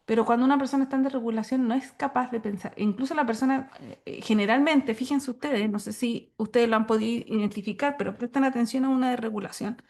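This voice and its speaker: A woman's voice: steady tone, fast, hardly any pauses, a little mellow. A woman giving a recorded lecture to teachers, explaining step by step and checking in with listeners often. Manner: explanatory, checks in with frequent "¿ya?" and "¿cierto?"; acts out quoted lines in a higher voice. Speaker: course instructor. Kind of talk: recorded lecture on child behavior.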